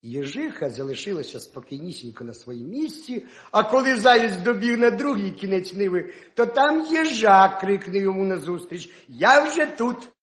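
A man telling a folk tale to children in an animated, expressive storytelling voice. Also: high-pitched, normal speed, roomy sound.

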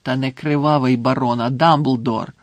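A man's voice: mid-range voice, steady tone, moderate pace, dry recording, lightly acted. A man voicing an eager, impatient teenage boy hero in a storybook reading. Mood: urgent. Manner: urgent, exclaiming.

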